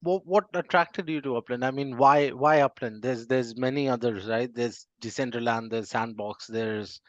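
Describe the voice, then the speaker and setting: A man's voice: medium pitch, moderate pace, no room sound, dull audio. A man hosting an interview show, leading the guest with friendly questions and some fillers. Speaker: podcast host.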